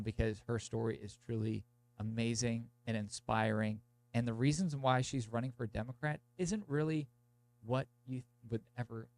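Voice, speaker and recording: A man's voice: medium pitch, creaky, darkish tone. A young man hosting a podcast in a casual, meandering monologue, sounding congested, with a blocked nose and sore throat from a cold. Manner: informal, meandering, peppered with "like". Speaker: podcast host. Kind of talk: casual monologue to listeners, introducing an episode.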